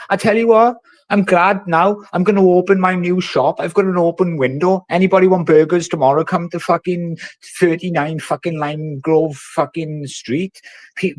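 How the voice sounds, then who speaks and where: A man's voice: fairly high pitch, no echo. A man with a Welsh Valleys accent rants casually on a livestream, combative, boastful and swearing freely. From South Wales Valleys. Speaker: live streamer. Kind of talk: ranting casual livestream talk.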